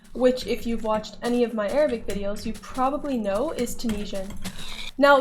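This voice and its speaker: Playing a game on camera, a woman vlogger chats openly and wanders between topics, often poking fun at herself. Her voice leans high and a little mellow, with a touch of background noise.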